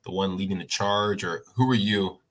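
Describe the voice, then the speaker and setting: Male podcast host, bright tense tone, lowish pitch, friendly, self-correcting. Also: normal speed. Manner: friendly, self-correcting, stumbles over names. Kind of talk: casual interview chat.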